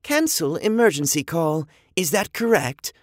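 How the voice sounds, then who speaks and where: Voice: medium pitch, big pitch swings, a little slow, no echo, clean studio sound, voice pushed up. A storyteller voicing a polite, literal-minded robot butler who speaks in a formal, stiff way.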